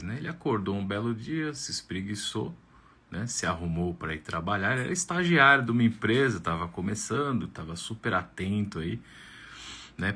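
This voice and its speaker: Animated Brazilian man telling a story. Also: on the low side, breathy edge. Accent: Brazilian Portuguese. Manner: animated, with tag questions and bursts of shouting. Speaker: camp storyteller. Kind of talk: oral storytelling.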